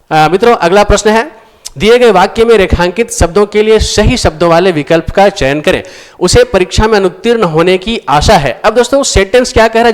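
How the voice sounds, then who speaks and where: High, smooth-voiced male Hindi teacher. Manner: addresses viewers as friends, repeats answers for emphasis; reads sentences aloud slowly and deliberately. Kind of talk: exam-prep lesson explaining answers. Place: screen-recorded lesson with on-screen board.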